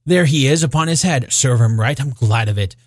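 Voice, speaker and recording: A man playing an emotional, sentimental old miser softened by memory in a storybook reading. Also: medium pitch, fairly quick, dry recording, clean studio sound, lightly acted. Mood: excited, tearful. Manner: emotional, exclamatory, muttering when rueful.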